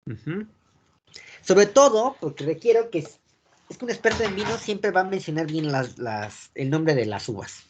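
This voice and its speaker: A man with a Mexican accent teaching a class, often checking that students follow and filling pauses with "este". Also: a little high, expressive, a little hiss or hum. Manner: keeps checking the class follows, asking "sale?"; frequent filler "este" and restarts. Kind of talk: classroom lecture. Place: classroom with a board.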